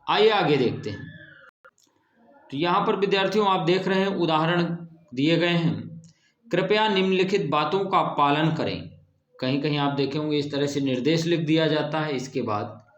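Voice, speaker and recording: A male school teacher gives a patient, explanatory grammar lesson to students and repeats the key points. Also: fairly high pitch. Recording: echoey room.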